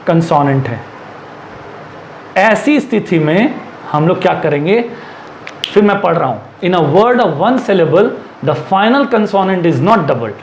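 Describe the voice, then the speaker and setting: Teaching a class in Hindi peppered with English, a high-voiced man speaks expressively, dictating and repeating each rule slowly as he writes. He answers his own questions. The room echoes, and there's a faint hum in the background.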